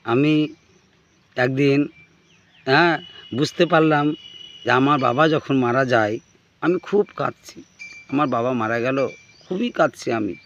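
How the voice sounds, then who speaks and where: A man telling a humorous story straight to his audience in an animated way, often urging them to listen. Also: mid-range voice, a little slow, pauses often, lo-fi sound. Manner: animated, addresses listeners directly with appeals to listen. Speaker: comic storyteller. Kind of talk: humorous first-person monologue to an audience.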